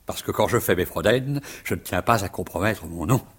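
A very husky, low-voiced man a bumbling middle-aged provincial teacher. He stammers and rambles in a fussy way, and his pitch rises and falls a lot. It has the feel of a 1950s stage farce. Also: lively intonation, a little fast. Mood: confiding.

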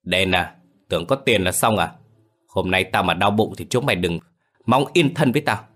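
A man voicing a brutish tattooed thug, middle-aged, shouting threats in a violent temper. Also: lowish voice, big pitch swings, fast, breathy edge, heavily acted. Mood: furious threats.

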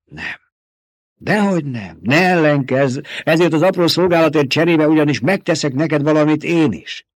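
A man's voice: fairly high pitch, no room sound, studio quality, voice pushed up. A man reading an audiobook, voicing an old male doctor turned traitor, feverishly obsessed with revenge, who speaks in an intimate, coaxing way. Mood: urgent, coaxing.

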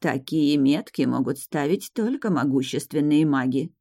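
A woman reading the part of a stern old grandmother who is a powerful high witch, speaking slowly and with command. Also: animated, warm tone, no room sound, studio quality. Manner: slow, measured, commanding.

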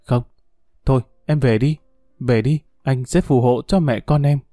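A man playing a condemned husband who speaks calmly and with resignation. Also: mid-range voice, a little slow, no echo, clean studio sound, soft background music, close to an everyday voice. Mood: tender. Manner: calm, resigned.

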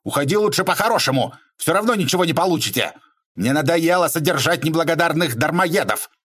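A man voicing an irritable middle-aged shop owner who snaps and shouts when pushed. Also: mid-range voice, big pitch swings, normal speed. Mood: shouting. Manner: exasperated, shouting.

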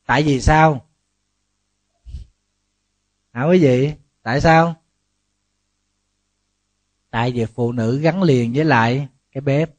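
Animated monk preaching. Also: male voice, mid-range voice, dry recording. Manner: lively, humorous, many rhetorical questions. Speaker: Buddhist monk teacher. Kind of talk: sermon.

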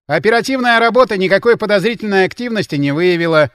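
A man reading the part of a gruff, sarcastic male counterintelligence officer in an audiobook, grumbling and mocking. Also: sits high, expressive, fast, fairly bright tone, voice pushed up. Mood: curt.

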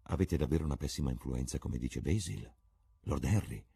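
A man's voice: very deep voice, lively intonation, fairly quick, vocal fry, dark tone, husky, voice pushed down, full character voice. A man doing a petulant young dandy. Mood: curious.

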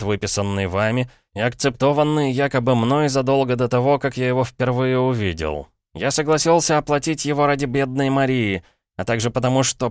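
A man's voice: mid-range voice, clear, resonant tone, no echo, clean studio sound, pitched above the performer's own voice, natural voice. A man doing a desperate old man in a boy's body. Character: elderly man trapped in a schoolboy's body, desperate and indignant. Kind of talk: audiobook character reading.

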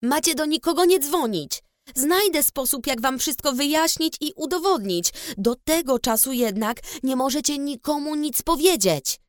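A woman's voice: high-pitched, expressive, normal speed, a little mellow, no echo, studio quality, voice pushed up. A woman doing a pleading young girl. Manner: urgent and pleading. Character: frightened, stubborn teenage girl dragon rider.

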